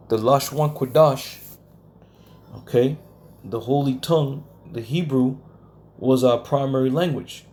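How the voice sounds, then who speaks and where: Lecturing at a home Bible study, a combative Bible teacher scolds the room, throws in some coarse words, and keeps asking "okay?" His voice has a medium pitch and a dark tone.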